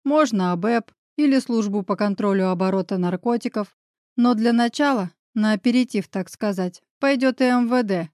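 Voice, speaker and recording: A woman's voice: mid-range voice, normal speed, a little mellow, no room sound, close to an everyday voice. A woman reading the part of a sarcastic young man in an audiobook, voice close and dry. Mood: mocking. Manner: sarcastic, mocking. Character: mocking cocky young man, sidekick.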